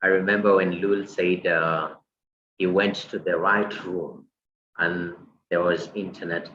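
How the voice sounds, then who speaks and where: A man's voice: low voice, level tone, unhurried. A man moderating an online panel, talking politely with many hesitant fillers over a video call. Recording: roomy, muffled video-call audio with faint noise.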